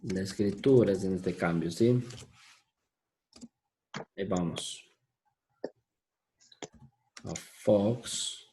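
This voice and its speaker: Guy teaching english online, really slow, keeps checking the class follows. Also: deep voice, mellow, a little hiss or hum. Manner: slow, patient, asks for confirmation often. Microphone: video call.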